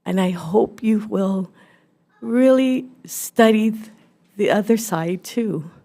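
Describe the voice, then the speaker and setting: Slow gravelly middle-aged woman testifying. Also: medium pitch, warm tone. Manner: earnest, halting with restarts. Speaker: testifier at a public hearing. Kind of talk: public testimony. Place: legislative hearing room. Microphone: podium microphone.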